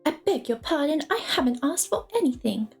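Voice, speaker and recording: A woman's voice: sits high, very animated, a little fast, vocal fry, pitched above the performer's own voice, heavily acted. A woman voicing a fussy, polite male hobbit who exclaims and gets easily flustered, in a storybook reading. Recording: music playing behind the voice.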